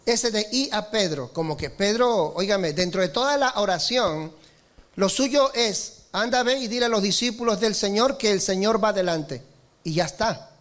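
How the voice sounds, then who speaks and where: A male pastor preaching a sermon, swinging between raised, emphatic lines and slow, low stresses, calling on the congregation to respond. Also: a bit bright. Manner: preaching with rises in pitch and slowed emphatic lines, asking the congregation for amen.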